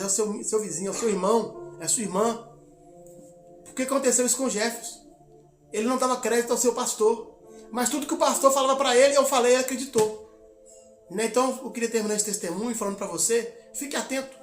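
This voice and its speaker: In an echoey room, a very high-voiced man, a missionary preacher from Minas Gerais, Brazil, tells his testimony in a sermon. He voices the conversations from his story and urges the congregation on.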